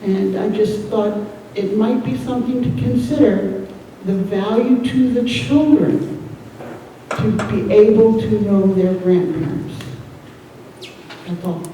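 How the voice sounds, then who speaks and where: A woman giving a slow, measured, earnest public comment at a town meeting. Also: medium pitch, dark tone, slight background noise. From United States. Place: school gym at a town meeting. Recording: echoey hall from far off.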